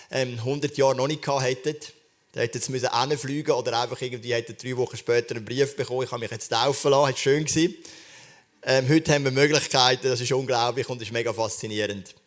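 A man preaching a sermon, his voice sitting at an ordinary middle pitch. He talks earnestly and conversationally, turning often to speak straight to the congregation. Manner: earnest, conversational preaching with direct address to listeners. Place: church service, livestreamed.

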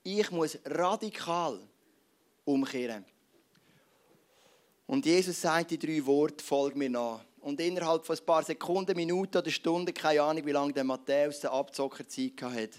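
Man, Swiss German accent, preacher, chatty storytelling sermon, slightly high-pitched voice. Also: a little fast, few pauses. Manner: conversational, lively storytelling with rhetorical questions. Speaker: pastor.

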